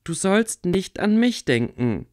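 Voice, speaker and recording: A man reading aloud, voicing a stubborn, quick-tempered young witch girl in a raised voice. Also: sing-song. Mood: frustrated. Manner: pleading, raised pitch.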